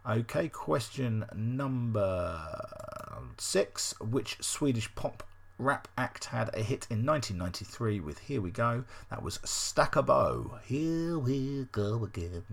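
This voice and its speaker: A man's voice: medium pitch, expressive, slow, vocal fry, fairly bright tone. A man hosting a casual podcast quiz special, reading out answers in a loose, sweary and sardonic way with plenty of fillers. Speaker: podcast host.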